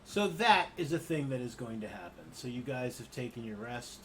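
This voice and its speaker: A man acting as game master in an online group voice chat, talking in a relaxed, rambling way with lots of fillers. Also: mid-range voice, moderate pace, a little hiss or hum. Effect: online group voice chat, connection drops out. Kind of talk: narrating a tabletop game.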